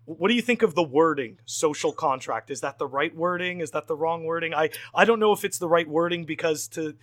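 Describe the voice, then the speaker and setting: A man speaking as a podcast guest in casual chat, halting, with frequent stammers and restarts. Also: on the high side, fairly bright tone.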